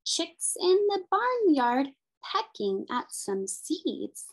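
A special education teacher in her thirties reads a picture book aloud in a high, sing-song voice, taking it slowly. She uses simple phrases and asks questions aimed at young children.

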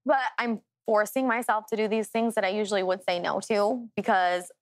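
A woman's voice: medium pitch, steady tone, normal speed. An American woman with a heavy Dakota accent, chatting candidly and animatedly as an interview guest. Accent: North or South Dakota. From Dakotas, United States. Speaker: reality show cast member, guest.

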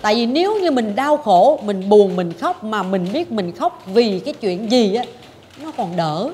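A woman's voice: medium pitch, very animated, a little slow, dark tone, soft background music. A woman, hosting a talk show and dramatically telling a personal story, acting out her own past thoughts. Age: 40s. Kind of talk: confessional storytelling chat.

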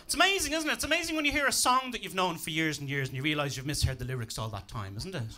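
Rapid-fire and a little high-voiced, a young Dubliner works a comedy club stage with a handheld microphone. His Irish stand-up is dry and deadpan, punctuated by self-deprecating asides.

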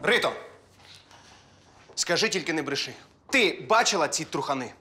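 Agitated jealous husband. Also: male voice, fairly high pitch, lively intonation, moderate pace, bright, forceful tone, faint music behind. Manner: agitated, insistent questioning. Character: jealous, agitated husband, middle-aged man. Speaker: husband, former footballer. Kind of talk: TV drama acting.

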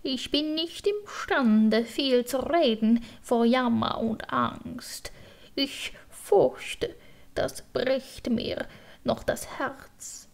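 A woman voicing a talkative male crow who mourns his wife and pleads with the king, in an audiobook verse reading with a lamenting, often breathy, hushed delivery. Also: on the high side, exaggerated voice.

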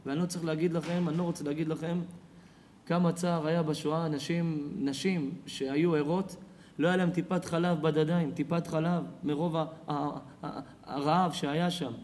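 A man giving a sermon as a rabbi, telling stories dramatically and swinging from loud cries to hushed, near-whispered lines. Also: a little high, steady tone.

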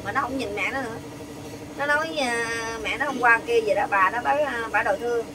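An older woman tells her story in animated, rapid bursts. She acts out other people's words as she goes. Her high voice is caught from some distance away. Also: background noise. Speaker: interviewee. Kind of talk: heated storytelling.

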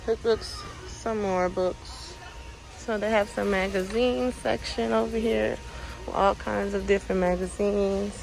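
Slow-talking woman browsing store aisles. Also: medium pitch, fairly even intonation, creaky, darkish tone. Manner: chatty, lists items and prices as she browses. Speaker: shopping vlogger. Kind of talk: casual shop-with-me narration. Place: large warehouse store aisle, indoors. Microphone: handheld phone camera. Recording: noisy phone audio in a busy store. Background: store ambience and noise.

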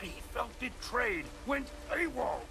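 A scheming male military officer in a video game, speaking in a calm, measured, persuasive way. His voice is high, gravelly and lively in pitch, with music clearly playing behind. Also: exaggerated voice. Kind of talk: video game cutscene acting.

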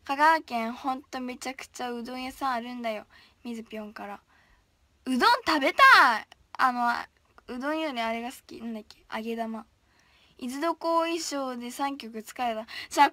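A woman's voice: high-pitched, a little fast, bright, forceful tone, no echo. A young woman idol chatting casually on a livestream, reading viewer comments aloud in a playful way and often dropping to a whisper. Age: young, still a student.

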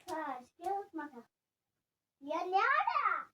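A woman's voice: very high voice, big pitch swings, takes it slowly, bright, forceful tone. A young girl vlogging a game of rock-paper-scissors at home, playful and bossy toward a younger sibling. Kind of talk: casual kids' vlog. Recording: distant mic with faint noise.

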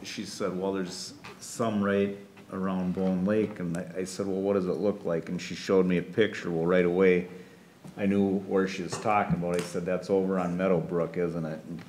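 Low-voiced male board manager, halting meeting report, faint hiss behind. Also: little pitch movement, a little mellow. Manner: hesitant, rambling with fillers.

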